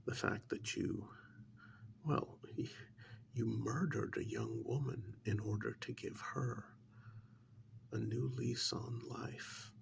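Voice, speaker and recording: In a soft-spoken ASMR role-play monologue, a man plays a sinister, menacing agent who coolly interrogates and blackmails a mad scientist. His breathy, gravelly half-whisper is medium in pitch and fairly even, with deliberate pauses, a mocking, accusing mood, and a little hiss or hum in the recording.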